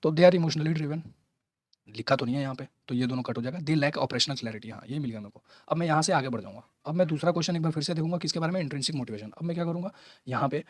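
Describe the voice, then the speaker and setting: A man walking through an exam passage in a casual tutorial, chatty and mixing English terms into his talk while reading quoted lines slowly. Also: a little high, no room sound, studio quality. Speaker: exam prep teacher.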